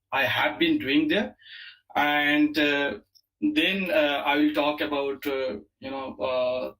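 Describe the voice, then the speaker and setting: A man with an Indian accent giving an online academic lecture as a professor, speaking haltingly with many fillers and repeated words. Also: medium pitch, fairly bright tone, low-quality recording. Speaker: university lecturer, chemistry professor.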